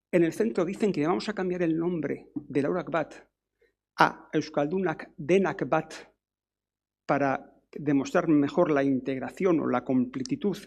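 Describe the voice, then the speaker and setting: Man, conference lecture, husky, gravelly, rambling with restarts. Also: a little high, a little mellow. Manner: discursive, many restarts and tag questions. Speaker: academic speaker.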